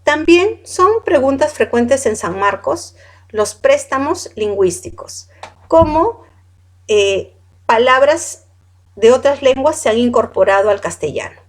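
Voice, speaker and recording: A woman's voice: high voice, lively intonation, a little slow. A woman teaching a class, reading out long lists of words one by one, correcting how they are said and asking the students questions. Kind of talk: classroom lecture.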